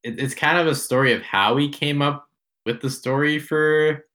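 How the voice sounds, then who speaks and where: A man co-hosts a film podcast, chatting casually in a fairly high, pushed, bright voice at normal speed. He rambles, sounds unsure, and keeps correcting himself as he goes.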